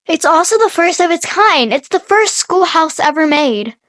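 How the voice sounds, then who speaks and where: A young woman reacts on a casual podcast, eager to hear the story but quick to scoff at it. Her voice is high and bright. The recording is dry and close. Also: lively intonation, dry recording. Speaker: podcast co-host.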